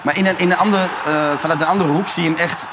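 A man's voice: on the high side, fairly even intonation, quick pace, background noise. A man analysing match footage as a football pundit in a casual podcast chat.

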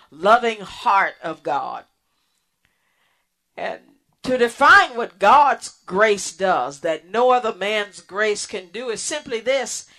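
A woman hosting a radio ministry program, preaching in a slow, earnest way with pauses and restarts. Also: medium pitch, fairly bright tone. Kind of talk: sermon.

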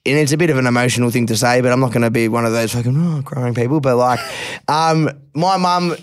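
An Australian rapper guesting on a podcast chats candidly and reflectively in a medium-pitched voice, quick and clean. He swears now and then and repeats words when moved.

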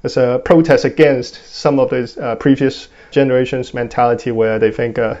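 A man's voice: mid-range voice, fairly even intonation, normal speed, darkish tone, lo-fi sound. A man in his twenties with a Hong Kong accent, giving thoughtful interview answers with many fillers and "right?" tags. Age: 20s. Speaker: guest.

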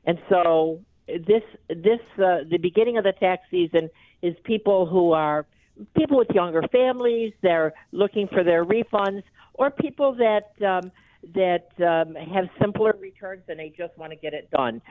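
A tax preparer who runs her own company joins a live radio show by phone as an expert guest. Wide awake and alert, she explains things in a fairly low voice at a moderate pace. The telephone line sounds narrow and tinny, with no echo.

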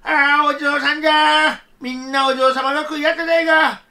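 A man voicing a kind, poor old grandfather from a folktale, speaking gently and humbly with a Kagoshima accent. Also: very high voice, a little slow, distant mic, pitched above the performer's own voice, full character voice. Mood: humble, kindly.

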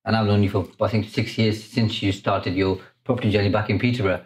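A man's voice: on the low side, steady tone, quick pace, echoey room. A man with a British accent speaking conversationally as an interviewer.

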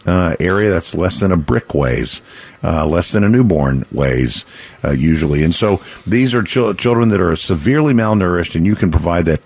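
Very deep-voiced American man making an urgent pitch. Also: expressive, normal speed, a little mellow, breathy edge. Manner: urgent limited-time sales pitch; folksy, rambling, earnest persuasion. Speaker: radio fundraiser host. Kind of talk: live on-air charity pledge-drive appeal.

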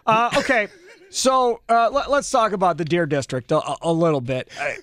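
Higher-voiced man hosting sports radio. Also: normal speed, fairly bright tone, dry recording. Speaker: radio show host. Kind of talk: casual sports-radio talk. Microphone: studio radio microphone.

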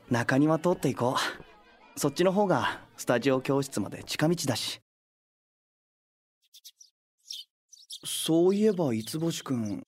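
Gentle timid boy, lively intonation. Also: deep voice. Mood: musing. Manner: flustered, polite, easily startled. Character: timid, earnest young art student boy. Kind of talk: anime audio drama acting and narration.

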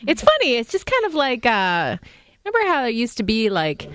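Giggly female morning radio co-host, teasing banter, animated and higher-pitched. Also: moderate pace, no room sound.

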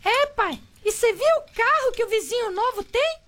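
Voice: very high voice, expressive, normal speed, pushed and bright, a little hiss or hum, full character voice. A performer voicing a cheeky son in a comedy radio sketch, teasing his father.

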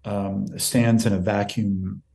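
A man's voice: lowish voice, level tone, slow, creaky, warm tone. Earnest man telling a moving story. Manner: earnest, emotional, retells dialogue with quoted exchanges. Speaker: nonprofit CEO guest. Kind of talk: heartfelt interview storytelling.

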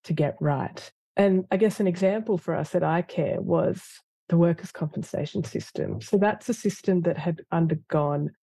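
Creaky, dark-voiced lawyer. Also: mid-range voice, moderate pace, hardly any pauses, no echo. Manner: reflective, earnest, with frequent fillers. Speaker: award-winning government lawyer, interview guest. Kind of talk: interview answers.

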